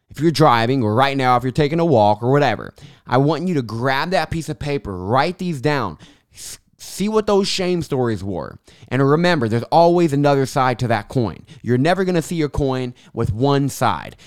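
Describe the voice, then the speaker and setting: A man's voice: mid-range voice, dry recording, clean studio sound. A man hosting a motivational podcast, speaking emphatically and repeating key phrases, with a lisp and r's that sound like w's. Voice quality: lisp, can't say R's properly, w-like r. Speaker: podcast host, self-help coach.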